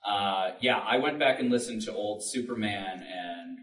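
A podcast writer sits on a panel in a public library room, speaking informally and explaining things at this public event. His voice is on the low side, unhurried and a bit bright, picked up by a distant microphone that sounds roomy.

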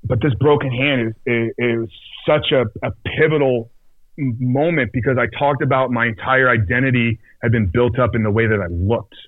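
Male guest, mid-range voice, halting storyteller with many restarts; dry, phone-like sound. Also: mid-range voice, steady tone, dry recording. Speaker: podcast guest. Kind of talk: casual personal storytelling.

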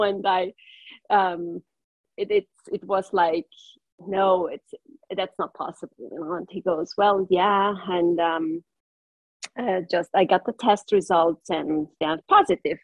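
Speaking at a measured pace with some vocal fry, a medium-pitched woman chats as a guest in a relaxed interview. She's from northern Italy, a German native speaker with a German accent, and she's hesitant, with many ums and laughs between lines. The sound is phone-quality, with no room sound.

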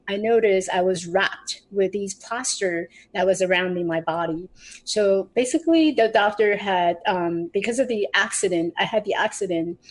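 A woman's voice: medium pitch, low-quality recording. A middle-aged woman from Taiwan, a podcast guest, recounting her personal story earnestly, with frequent restarts.

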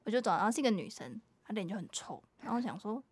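Lively fast-talking woman storyteller. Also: medium pitch, slightly rough, no room sound. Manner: animated storyteller, acts out customers. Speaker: podcast co-host. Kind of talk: casual chat.

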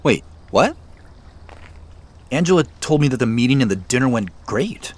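This male actor, whose voice has a sing-song quality, plays a thoughtful, wry, slightly weary business leader in a naturalistic audio drama. His delivery is low-key and halting, and he sounds taken aback.

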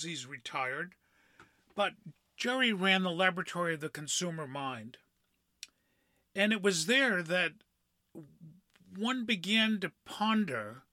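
A middle-aged man hosting a podcast, telling a story in a measured way with frequent pauses and "uh" fillers. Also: a little high, bright, forceful tone, dry recording. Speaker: podcast host. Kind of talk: storytelling monologue.

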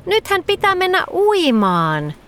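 A woman voicing an eager, excitable little girl in a children's story, who talks in bursts of excited squeals. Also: a little high, voice pushed up.

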